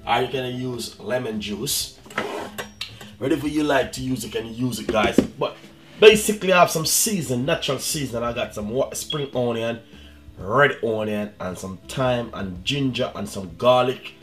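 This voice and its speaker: A man's voice: medium pitch, expressive, moderate pace. Chatty Jamaican man cooking, music behind. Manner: chatty, repeats "guys" and "you know what I mean". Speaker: cooking channel host. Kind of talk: casual cooking demonstration.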